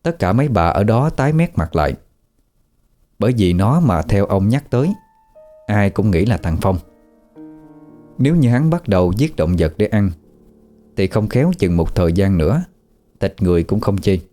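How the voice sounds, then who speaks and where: A man narrating a horror story in a vivid, measured way. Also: fairly low pitch, expressive, warm tone, soft background music.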